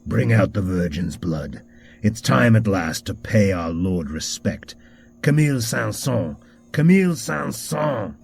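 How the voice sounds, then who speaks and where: A man's voice: on the low side, very animated, slow, gravelly, a little mellow, slightly rough, full character voice. A man voicing a theatrical male cult leader who hosts a masked ball, speaking in a grandiose, commanding way.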